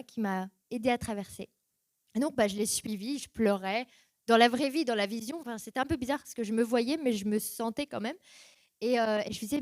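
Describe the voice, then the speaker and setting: A woman's voice: on the high side, a little mellow, dry recording. A young woman giving a personal church testimony, telling her story casually and acting out her past reactions in quoted voices.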